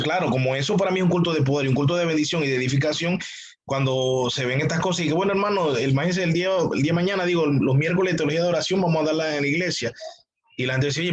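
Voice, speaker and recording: A man with a husky voice, pitched a little high for a man, teaching a church theology class. He presses his points with emphatic repetition and rhetorical questions. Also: low-quality recording. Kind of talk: teaching sermon.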